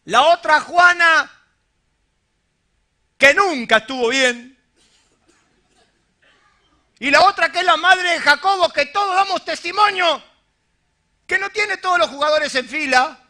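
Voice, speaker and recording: A male preacher with a Rioplatense accent and a very high, piercing, sharp-edged voice. He preaches dramatically and cracks jokes, jumping between loud bursts and hushed, almost whispered lines. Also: a little slow, pauses often. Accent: Rioplatense Spanish. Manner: dramatic, swings from loud outbursts to hushed murmurs, joking asides. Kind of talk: sermon.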